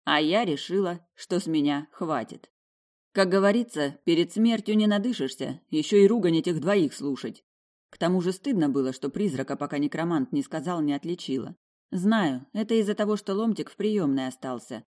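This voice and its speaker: A woman reading a first-person fantasy novel aloud with wry, lively storytelling. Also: lowish voice, moderate pace. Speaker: audiobook narrator.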